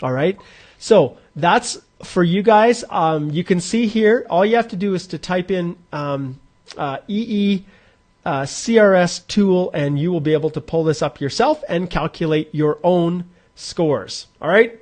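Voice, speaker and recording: During a live online Q&A, a forties-aged immigration advisor steps viewers through a calculator in an informal, chatty way, restarting as he thinks aloud. For a man his voice is fairly high, with a darkish tone and a slightly slow pace.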